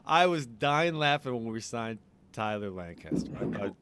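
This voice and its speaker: A man's voice: medium pitch, animated, moderate pace, a bit bright, clean tone. Casual podcast host, man, laughs easily, rambles. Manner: laughing, chatty, tangents. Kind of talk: casual chat.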